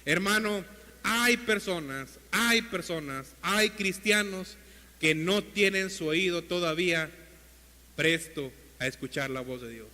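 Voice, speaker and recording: A male pastor preaching an earnest sermon to his congregation, calling them brothers, and rising in pitch and force as he exhorts them. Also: takes it slowly, in a large hall. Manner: builds to a louder, higher pitch when exhorting.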